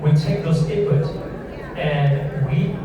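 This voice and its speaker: A man serving as mayor answers panel questions haltingly, repeating words and phrasing things loosely. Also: fairly high pitch. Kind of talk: panel discussion remarks. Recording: long reverb, distant mic, crowd noise.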